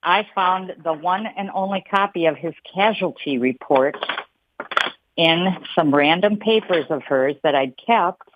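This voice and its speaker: A woman calls in to a radio show, plain-spoken and wry, over a muffled phone line. Her voice is fairly low and a little slow, with background noise behind her.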